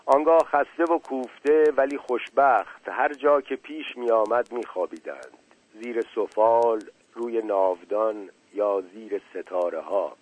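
A man reading a children's storybook aloud in a calm, steady manner. His voice sits at an ordinary middle pitch, and the telling flows along without hurry. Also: phone-quality sound. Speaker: narrator. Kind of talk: storybook narration.

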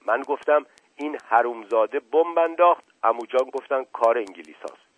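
A man's voice: medium pitch, no echo, close to an everyday voice. A man doing a whiny spiteful young man. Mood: whining accusing. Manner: whining, accusing. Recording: narrow phone-like band, dry.

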